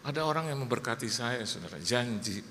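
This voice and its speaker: A middle-aged man, a pastor, preaching a sermon in church, telling stories and acting out soft-spoken quotes of himself and his wife. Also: mid-range voice, expressive, brisk, big-room sound, slight background noise. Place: church service.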